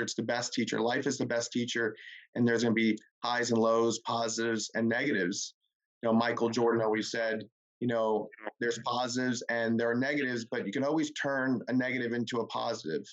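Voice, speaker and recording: A man hosting an interview, affirming his guest in long, rambling run-on sentences. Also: mid-range voice. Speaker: interview host. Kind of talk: casual interview chat. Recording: dull lo-fi audio.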